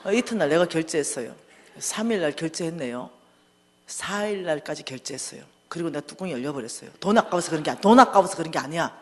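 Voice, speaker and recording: A woman gives a storytelling sermon with lively, sweeping intonation. She acts out both sides of the conversations with frequent laughter. Her voice carries a long hall reverb. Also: sits low, quick pace. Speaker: church speaker giving a testimony.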